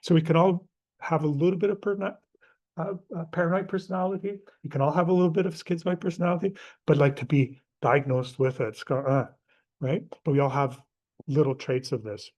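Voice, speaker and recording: Portuguese man lecturing in relaxed style. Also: fairly high pitch, brisk. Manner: casual, conversational, many fillers and asides. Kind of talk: live class lecture.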